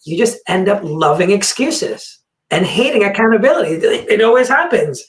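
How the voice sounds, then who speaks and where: A podcast host telling a story in a casual chat, acting out the other people's words with lively energy. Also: mid-range voice, normal speed. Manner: animated, acts out quoted dialogue. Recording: roomy, distant mic.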